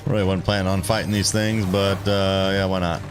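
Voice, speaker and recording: A man's voice: deep voice, level tone, brisk, over music. A man giving casual live gameplay commentary as a streamer, slangy and given to repeating his phrases. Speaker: game streamer.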